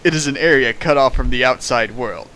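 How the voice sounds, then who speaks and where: Reading fan fiction out loud as a comedy riff, this man speaks fairly quickly at a medium pitch with a pushed, bright delivery. The rough recording has slight background noise, and he breaks off to mock the prose sarcastically, laughing at what he reads.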